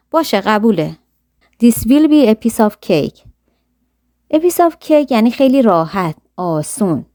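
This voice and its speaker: A woman teaching a short story, reading each sentence slowly and clearly and then explaining the words quickly and casually. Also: fairly high pitch, warm tone, no room sound, studio quality. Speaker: English teacher.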